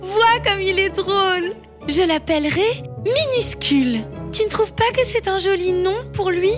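A woman voicing a little giant girl with a high, childlike voice. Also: animated, a little slow, over music. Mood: excited.

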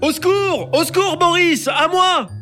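A woman's voice: lively intonation, brisk, faint music behind, natural voice. A woman voicing a greedy, scatterbrained young male rooster who shrieks for help. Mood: panicked. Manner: shrill cries for help.

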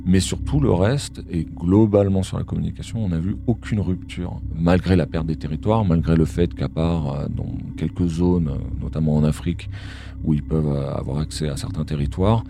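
A man speaking through a voice changer to disguise his voice, giving a measured, explanatory interview as an analyst guest with frequent hesitations. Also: deep voice, creaky. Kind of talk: podcast interview.

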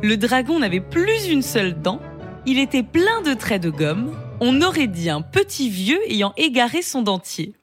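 A woman reads a children's story in an expressive storytelling voice. Her pitch sits slightly high and moves a lot. Music plays clearly underneath. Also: a little slow. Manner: expressive, lively reading.

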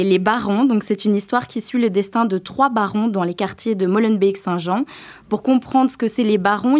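A woman presents in a medium-pitched voice. Her delivery is informal and explanatory, like a radio-style talk. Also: a little mellow.

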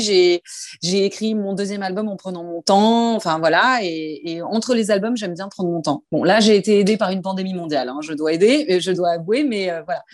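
A woman singer speaking as an interview guest, pausing often to search for her words and restarting her sentences. Her voice sits at an ordinary middle pitch, and it is recorded close and dry on a phone she holds in her hand. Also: darkish tone, dry recording. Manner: thoughtful, hesitant, many fillers and restarts. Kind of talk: interview answers. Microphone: phone held in hand.

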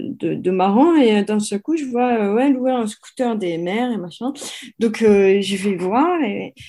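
A French woman telling lively anecdotes in an interview, full of fillers and restarts. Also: medium pitch. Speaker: interview guest, sports photographer.

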